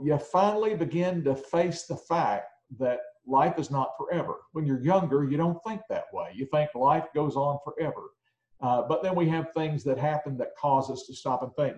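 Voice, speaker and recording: A man in his sixties giving a conversational sermon to a congregation, often pausing with filler words. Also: mid-range voice, darkish tone, dull audio. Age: 60s. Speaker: preacher. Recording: roomy echo.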